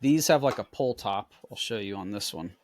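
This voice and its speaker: A man co-hosting a podcast, chatting in a relaxed, explanatory way and demonstrating as he talks. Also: fairly low pitch, normal speed, no echo, clean studio sound. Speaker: podcast co-host. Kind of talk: casual chat.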